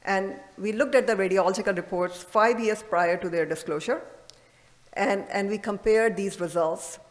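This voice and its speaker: At a moderate pace and in a mid-range voice, a woman lectures earnestly and emphatically as the presenting radiologist at a medical conference. The sound reverberates through the hall where she was recorded.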